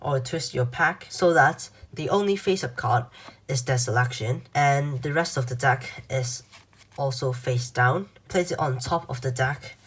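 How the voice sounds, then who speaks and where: Low-pitched woman doing card magician patter. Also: a little slow, breathy edge. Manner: informal, addresses viewers directly as "you guys". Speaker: card magic tutorial presenter. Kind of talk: instructional card magician patter, demonstrating step by step.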